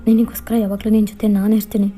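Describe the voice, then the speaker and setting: A woman's voice: medium pitch, little pitch movement, quick pace, mellow, soft background music, close to an everyday voice. A woman voicing an earnest young man in love. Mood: earnest pleading. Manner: insistent, coaxing. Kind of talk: fan fiction voiceover.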